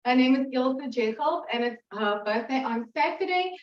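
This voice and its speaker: Her voice is high with lively intonation at a normal speed as this South African poet chats informally with her audience ahead of a reading, giggling and getting emotional. It is a literary event in a room with an audience. The recording is dull and echoey, taken far from the mic.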